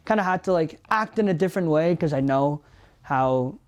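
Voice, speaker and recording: A man's voice: a little high, normal speed. Young man recalling his housemates. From Ontario, Canada. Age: young adult. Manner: relaxed, talks with many fillers. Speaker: interviewee. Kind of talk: documentary interview.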